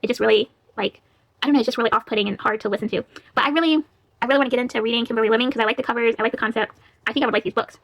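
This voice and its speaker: Woman, casual book vlog, very fast talker, a bit high-pitched, giggly. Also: fairly even intonation, creaky. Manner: chatty, laughs often, reads blurbs aloud. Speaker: book vlogger. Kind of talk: casual library haul chat.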